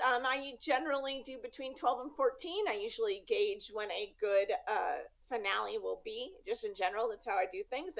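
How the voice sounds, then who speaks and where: A woman game master casually hosting and introducing a tabletop show in a halting, conversational way. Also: on the high side, low-quality recording.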